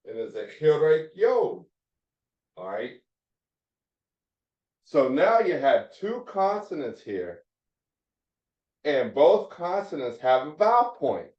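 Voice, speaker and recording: A man teaching a Hebrew phonics class, explaining slowly and repeating his points as he writes on a board. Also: mid-range voice, darkish tone. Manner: slow, repeats points, restarts mid-sentence. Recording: echoey room, dull lo-fi sound.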